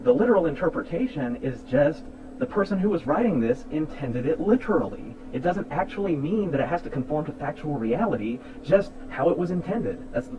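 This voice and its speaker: A man's voice: fairly high pitch, big pitch swings, fairly quick, recorded from a distance, highs cut off. A man arguing back in a debate video, sarcastic and profane. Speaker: video debater replying to a critic. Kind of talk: argumentative rebuttal video.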